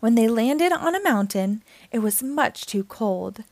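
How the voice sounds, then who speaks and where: Hosting storytime, a woman reads a children's picture book in a deliberate, expressive storyteller's style. Her voice sits on the higher side, and there is no room sound at all.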